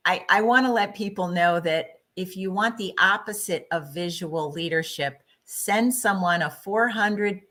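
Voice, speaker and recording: A woman's voice: lowish voice, a little slow, hardly any pauses, bright, forceful tone. A woman hosting an online interview, articulate and steering the conversation. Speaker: host. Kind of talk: casual interview chat.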